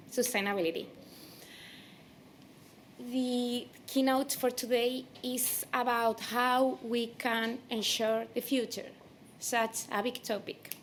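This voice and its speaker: A woman's voice: fairly high pitch, a little hiss or hum. A woman from Spain with a Spanish accent gives a conference keynote as a native Spanish speaker. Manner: non-native English with Spanish phrasing. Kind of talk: conference presentation.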